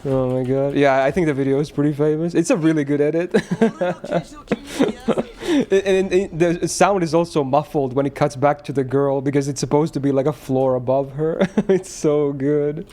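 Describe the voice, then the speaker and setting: A man's voice: on the high side, fairly even intonation, brisk, mellow. A male streamer chatting casually with his viewers, loose and rambling, often laughing and swearing.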